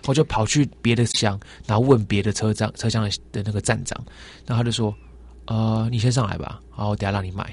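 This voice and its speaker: Fast-talking Taiwanese Mandarin man. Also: on the low side, slightly rough. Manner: animated storyteller, acts out quoted exchanges. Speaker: guest. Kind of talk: casual chat.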